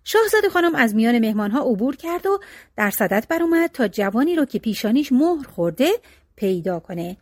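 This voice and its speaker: A woman storyteller reads a folk tale aloud with an expressive, lilting delivery. Her fairly high voice swoops through a very lively melody. The recording is dry and close, with no room sound. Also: no echo. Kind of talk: storybook reading.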